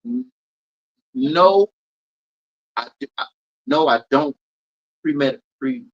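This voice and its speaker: A man's voice: mid-range voice, slow, muffled recording. A man from Florida who works as a comedian and event host, talking casually in an interview with emphatic, riffing storytelling. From Polk County, Florida. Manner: animated, emphatic storytelling with repeated riffs.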